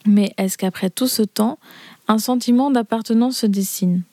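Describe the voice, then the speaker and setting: A woman reading the scripted narration of a documentary in an even, measured way. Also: medium pitch.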